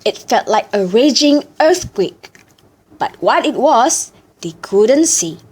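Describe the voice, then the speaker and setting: A woman reciting a story in a deliberate, theatrical way, as practice for choral speaking. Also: a little high, sing-song, a little mellow, breathy edge.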